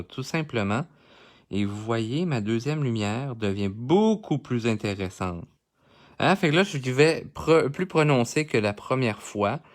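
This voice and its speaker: A man with a Québécois accent giving a live coloring tutorial, chatting directly with his viewers as he works. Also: mid-range voice. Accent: Québécois French. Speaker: art instructor. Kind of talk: live-streamed drawing tutorial.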